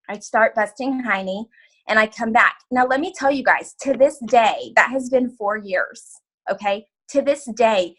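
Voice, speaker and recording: A woman in her thirties telling her personal story in a candid, emotional testimony to a group, full of quick asides and quoted dialogue. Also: medium pitch, bright, forceful tone, low-quality recording. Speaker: network marketing distributor sharing her story.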